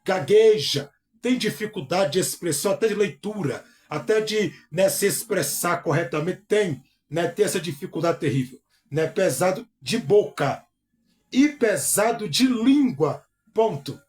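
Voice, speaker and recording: A man's voice: high voice, lively intonation, normal speed, a little mellow. A male pastor teaching a Bible lesson who reads verses aloud, calls out each punctuation mark, and repeats phrases to explain them. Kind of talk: bible study sermon.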